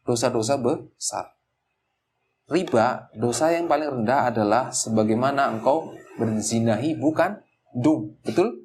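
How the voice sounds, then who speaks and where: Lively teacher. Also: male voice, mid-range voice, slight background noise. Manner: animated, acts out listeners' reactions in quoted asides. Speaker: Islamic teacher. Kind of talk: religious study circle talk. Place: community study gathering in a housing estate.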